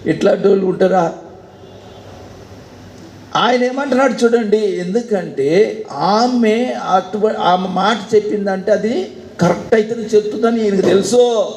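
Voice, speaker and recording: A male pastor preaches in a high, mellow voice. He keeps putting rhetorical questions to his congregation. The sound is roomy and echoey, with faint ambience underneath. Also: unhurried, pauses often, a little hiss or hum. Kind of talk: sermon.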